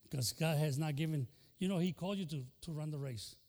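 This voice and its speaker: Older male pastor, impassioned bilingual sermon, gravelly edge, long church reverb. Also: on the high side, moderate pace, a little mellow. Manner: impassioned, switching between Spanish and English.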